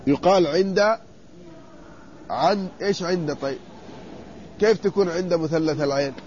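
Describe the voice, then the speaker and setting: A sheikh teaches inheritance law to a class in a high, dark voice, drawing words out and repeating word forms as he questions his students. The lecture comes from a muffled, lo-fi old tape with faint noise.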